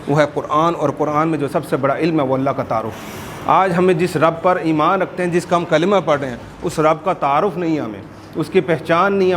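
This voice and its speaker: A man teaches a Quran class in a fairly high voice. He explains patiently and drags out words to show how to say them, with faint hiss in the background. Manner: explanatory, repeats words slowly to demonstrate pronunciation. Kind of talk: informal religious class lesson.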